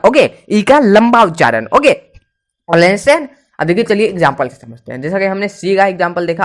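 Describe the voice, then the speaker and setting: A male teacher running a spoken pronunciation lesson. He spells each word out letter by letter and says it again and again. He keeps stopping to ask whether everyone has understood. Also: sits high. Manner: repeats each word several times, checks understanding.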